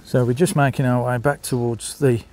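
Filming with a handheld phone, a man with a Birmingham accent chats to viewers he calls folks while touring a small seaside town on foot. His voice is mid-range and a little mellow, with a level tone and moderate pace.

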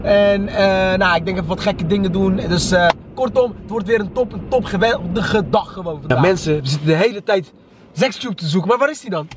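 A man hosting a vlog, talking in playful, loud casual banter and calling out with many repeated words, outdoors on a city street. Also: sits high, fairly quick. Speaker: vlog host. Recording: street noise behind the voice.

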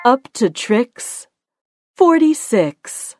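A woman working as a bingo caller, announcing each call deliberately in short, separate phrases. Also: on the high side, very animated. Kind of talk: bingo calling with rhyming nicknames, announced number by number. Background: music.

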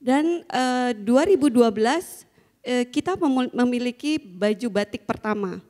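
A woman's voice: fairly high pitch, lively intonation, a little slow, a little mellow. A middle-aged woman founder giving a chatty conference talk into a handheld microphone, telling stories with frequent fillers and small laughs. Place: large conference hall with a seated audience. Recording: long hall reverb.

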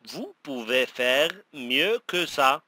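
Crisp, bright man reading lesson phrases. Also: medium pitch, lively intonation, dry recording. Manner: says each phrase twice, slowly and clearly. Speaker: language teacher.

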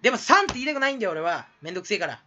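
Male YouTuber, rambling self-mocking rant, high and very animated, quick talker, bright tone, lo-fi recording. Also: slight background noise. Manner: rambling, self-mocking, bursts into shrill imitated laughs. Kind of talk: casual solo rant to camera.

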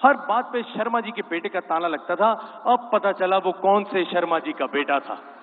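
An Indian man emcees a stadium ceremony in a high, upbeat voice, cracking jokes and drumming up applause. The sound is thin and phone-like, ringing with long reverb through a big venue. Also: moderate pace. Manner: jokey, bilingual asides, cues applause. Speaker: event host. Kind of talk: lively stage hosting. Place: large stadium event venue.

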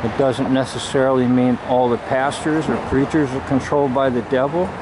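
A man giving earnest, measured religious commentary while filming a church outdoors. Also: medium pitch, level tone. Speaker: video host. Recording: outdoor street noise behind.

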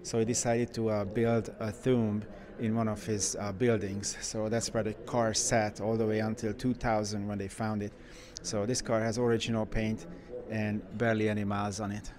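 A man who runs a car shop, walking through a car museum and giving casual, enthusiastic commentary with frequent pauses. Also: fairly low pitch, little pitch movement, crowd noise. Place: indoor car museum halls.

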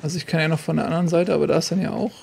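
High, gravelly German let's-player. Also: male voice, steady tone, very fast, darkish tone, slight background noise. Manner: talks to himself and the game, chatty, jokey. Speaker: let's play host. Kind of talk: casual gameplay commentary.

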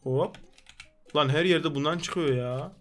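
A man's voice: on the high side, slow, a bit bright, faint music behind. A young man giving rowdy, joking gameplay commentary, scolding the game characters in a put-on comic street manner. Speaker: gaming YouTuber.

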